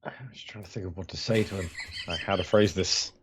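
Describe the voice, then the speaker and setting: A man's voice: low-pitched, fairly even intonation, a little fast, a little hiss or hum. Hesitant man playing a tabletop game. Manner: hesitant, restarts, thinks aloud. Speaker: player. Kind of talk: casual chat at a tabletop game.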